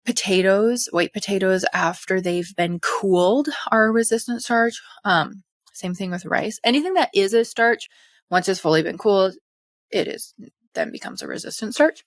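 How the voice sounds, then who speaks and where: A young woman in casual educational talk, chatty and animated, a little out of breath, as a hormone health coach. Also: mid-range voice, moderate pace, no echo. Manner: chatty, animated, full of fillers. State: slightly out of breath.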